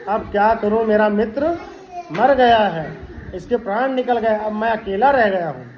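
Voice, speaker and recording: A woman's voice: medium pitch, expressive, normal speed, a little mellow, a little hiss or hum, lightly acted. A woman voicing a crafty male turtle in a children's story, lamenting a friend's pretend death. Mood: mock grief. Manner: mock-lamenting.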